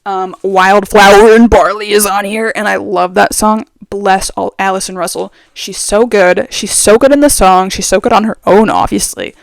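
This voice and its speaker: A woman's voice: medium pitch, steady tone, normal speed, creaky, few pauses, no room sound. A young woman vlogger chatting casually and with strong opinions, full of fillers, speaking very close to the microphone. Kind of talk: casual chat. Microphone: very close to the mic.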